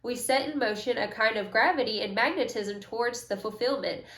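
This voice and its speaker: Young woman reading tarot cards, fairly high voice, chatty and slangy, roomy echo. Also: fairly quick, fairly bright tone. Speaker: tarot reader. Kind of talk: casual spiritual reading.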